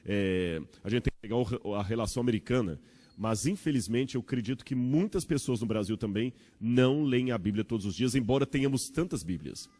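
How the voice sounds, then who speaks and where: A man from Brazil, preaching a sermon in a church with rhetorical questions and an animated storytelling manner. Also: medium pitch, brisk. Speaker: pastor. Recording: long church hall reverb.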